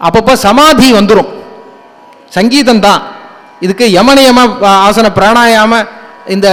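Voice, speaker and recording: A man's voice: very high voice, pushed and bright, long reverb tail, low-quality recording. A man telling devotional stories in a discourse, acting out dialogue and now and then singing lines. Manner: acts out dialogue, breaks into sung lines. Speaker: religious discourse speaker.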